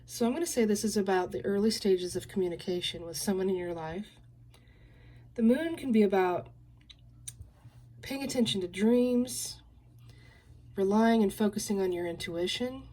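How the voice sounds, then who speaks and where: A woman giving a general card reading, explaining each card in a slow, gentle, explanatory way. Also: medium pitch. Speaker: card reader. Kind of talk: relaxed card-reading video.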